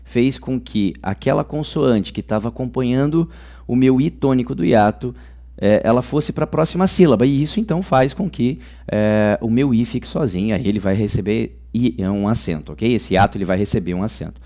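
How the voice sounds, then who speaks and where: A man's voice: medium pitch, moderate pace, mellow. A man with a Brazilian Portuguese accent teaching a grammar lesson online, chatty and informal, tagging sentences with "ok?". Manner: chatty, says "ok?" and "moçada" often.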